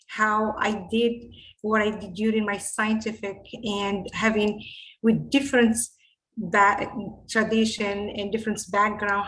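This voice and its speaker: A woman's voice: mid-range voice, a bit bright, rough recording. A middle-aged woman gives a lecture over a video call. She speaks earnestly and often restarts her sentences. The sound comes through a webcam microphone in an indoor room. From Morocco. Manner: earnest, halting phrasing with frequent restarts. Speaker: invited lecturer, scientist. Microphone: video call webcam mic.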